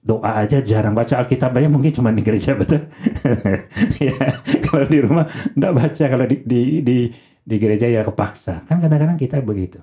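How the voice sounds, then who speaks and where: A man's voice: mid-range voice, a little fast, mellow. A man, a pastor, preaching a conversational sermon to a congregation and often asking rhetorical questions.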